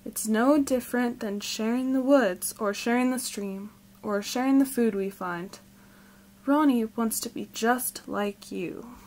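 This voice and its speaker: A loving mother raccoon from a picture book, gentle and comforting, with a warm and motherly way of talking, as a woman reads her aloud. The voice is a little high and soothing throughout. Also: measured pace, natural voice.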